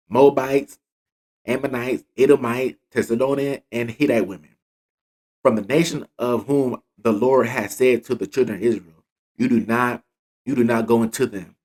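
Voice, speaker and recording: Husky man retelling Bible stories casually. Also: mid-range voice. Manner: animated retelling in slang, acting out quotes. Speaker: Bible teacher.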